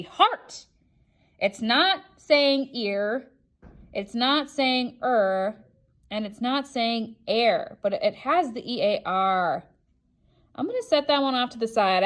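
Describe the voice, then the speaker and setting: A woman teaching a word lesson to children like a kids show host, asking questions and pronouncing example words with deliberate emphasis. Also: medium pitch. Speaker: teacher hosting a word sort lesson video. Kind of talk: scripted-feeling instructional demonstration for children.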